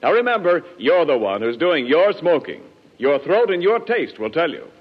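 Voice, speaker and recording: A man announcing, reading a brisk persuasive radio ad in the 1940s. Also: a little high, very animated, slightly rough. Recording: dull 1940s radio broadcast in a hall.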